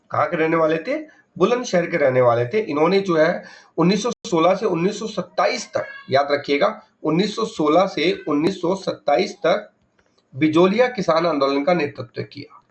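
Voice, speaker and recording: High-pitched gravelly man teaching. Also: highs cut off. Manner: repeats key facts, asks and answers own questions; mixes English words into the explanation. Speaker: exam coaching teacher. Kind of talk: MCQ revision lecture.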